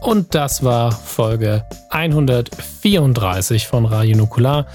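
Mid-pitched man joking through an outro. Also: a little slow, a little mellow, faint music behind. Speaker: podcast host. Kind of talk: casual chat and show outro.

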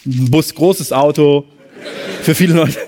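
A man's voice: fairly high pitch, slow, warm tone, big-room sound, a little hiss or hum. A man bantering as a podcast co-host, teasing and explaining things in a mock-serious way. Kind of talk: casual banter.

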